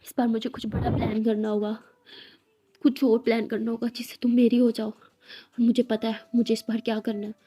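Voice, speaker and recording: A woman storyteller voicing an obsessive, jealous female boss who rants loudly. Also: on the high side, little pitch movement, moderate pace, close to an everyday voice. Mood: scheming. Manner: loud ranting, voice rising.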